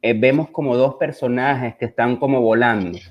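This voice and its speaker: Male, Caribbean Spanish accent, reflective artist talk, halting and word-searching delivery, dull lo-fi sound. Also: medium pitch, fairly even intonation. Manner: hesitant, searching for words with repeated phrases. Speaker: visual artist presenting his work. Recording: dull, lo-fi online audio.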